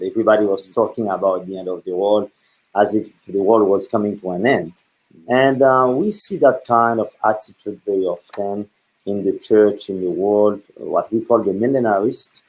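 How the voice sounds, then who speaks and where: Priest guy, lowish voice, talks slow and earnest with lots of uh's. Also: darkish tone, low-quality recording. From Haiti. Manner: earnest, with many pauses and fillers. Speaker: guest speaker. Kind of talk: reflective talk on faith.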